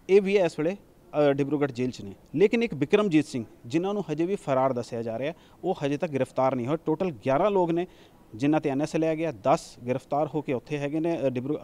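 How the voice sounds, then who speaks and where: A male news reporter, delivering a rapid on-the-spot report with occasional fillers and restarts. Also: fairly high pitch, warm tone.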